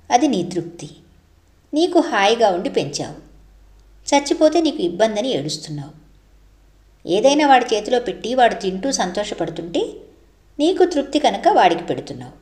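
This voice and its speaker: Woman doing wise little girl, gentle and calm, storybook reading, echoey room. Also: medium pitch, moderate pace, pauses often, natural voice.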